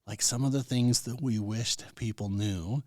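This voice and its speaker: A man's voice: mid-range voice, unhurried, darkish tone, no echo, studio quality. An American man hosting a health talk radio show as a doctor, speaking in a folksy, informal way straight to listeners.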